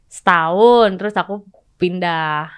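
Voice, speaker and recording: A young woman from Indonesia, a podcast guest, answering in a relaxed, hesitant way with frequent giggles. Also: on the low side, takes it slowly, clear, resonant tone. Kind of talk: casual interview chat.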